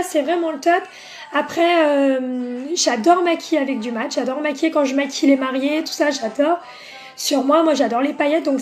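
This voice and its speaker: A woman's voice: high-pitched, a little mellow. A woman hosting a makeup live stream, chatting casually with viewers and greeting them by name, with plenty of fillers.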